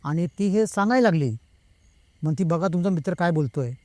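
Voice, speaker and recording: Guy recounting a creepy beach trip, bit high, soft dark tone, dry sound. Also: expressive, fairly quick, dry recording. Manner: retells the talk of others himself, slipping between Marathi and Hindi. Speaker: guest telling a true ghost story. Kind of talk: casual storytelling.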